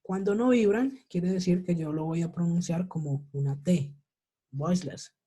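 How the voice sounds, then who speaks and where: A woman's voice: lowish voice, moderate pace, mellow, husky. A woman teaching an English class over a video call, patient and checking in with her students often. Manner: patient, checks understanding with repeated questions. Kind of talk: online class lesson.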